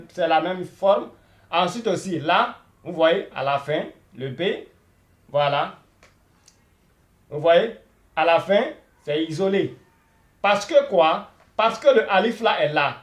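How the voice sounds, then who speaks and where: Slow, patient man teaching in an echoey room. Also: high-pitched. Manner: patient, repeats words many times, checks in with "hein?" and "voilà". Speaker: Arabic teacher. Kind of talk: beginner language lesson.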